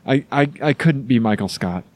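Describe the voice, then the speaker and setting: A man's voice: mid-range voice, expressive, moderate pace. A man with a Missouri accent co-hosting a podcast in casual, jokey chat. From Missouri, United States. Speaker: podcast co-host.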